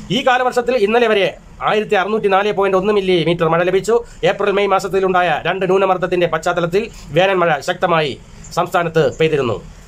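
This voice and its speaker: A man reading newspaper stories aloud in a steady, formal manner, with small restarts now and then. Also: sits high. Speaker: newsreader. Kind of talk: read-aloud newspaper headlines.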